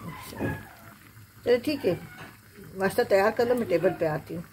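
A woman's voice: on the high side, huge pitch swings, moderate pace, a little mellow, slight background noise. An older woman from Pakistan narrating casually while she cooks and tidies her home kitchen, chatting and calling out to the children. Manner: chatty, calls to the children while doing housework. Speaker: home cooking vlogger, grandmother. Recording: kitchen clatter of dishes and cutlery.

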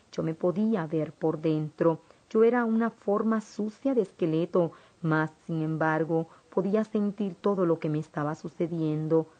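A woman with a fairly low voice earnestly reads a first-person religious testimony aloud. The sound is muffled and lo-fi. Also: a little mellow. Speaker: narrator. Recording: dull lo-fi recording.

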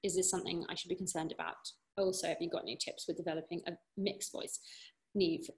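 A young British opera singer answers questions in a casual online Q&A from her living room, chatty and encouraging, with many fillers and restarts. She talks fast in a fairly low, a little mellow voice with fairly even intonation, captured by a laptop webcam on a video call in low quality.

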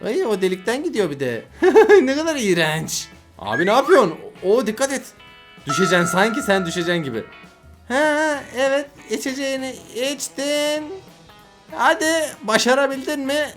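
A man's voice: extremely high pitch, very animated, moderate pace, a bit bright, faint music behind. A man hosting a casual reaction video, exclaiming and groaning at mishaps as he comments on clips.

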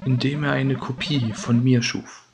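Mysterious male counterpart voice, read by a man, gravelly, slow and even, game music behind. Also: medium pitch, natural voice. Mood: solemn. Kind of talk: reading game dialogue aloud.

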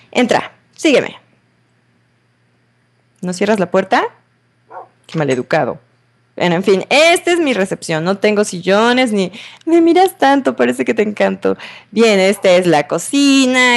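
A woman giving playful, chatty let's play commentary as a gamer, talking to the game's characters in a teasing role-play. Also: lowish voice.

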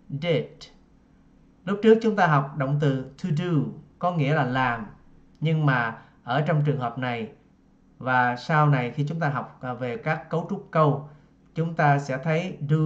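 A man teaching a vocabulary lesson, a native Vietnamese speaker who pronounces each word slowly and carefully and repeats it. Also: medium pitch. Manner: slow, careful pronunciation drills with repetitions. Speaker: language teacher. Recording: dull lo-fi recording.

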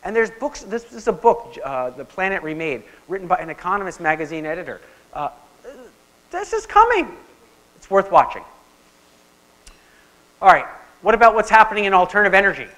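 A man giving an animated conference talk to an audience. His voice sits high and he keeps asking the crowd questions. He mixes explanation with stories. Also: brisk, long pauses, poor audio. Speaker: guest speaker on investing.

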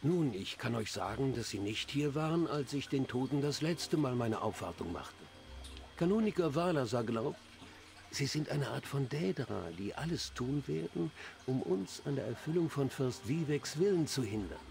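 A man playing an anxious, devout dark-elf priest in a fantasy game, speaking formally and earnestly. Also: mid-range voice, expressive, normal speed, vocal fry. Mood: earnest, grateful. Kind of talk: fantasy game dialogue acting.

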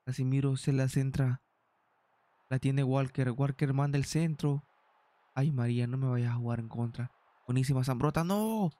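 A young man doing excitable play-by-play of his own football video game match for viewers. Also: mid-range voice, moderate pace, no echo. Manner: excitable, addresses viewers as "señores", shouts at big chances. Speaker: gaming YouTuber.

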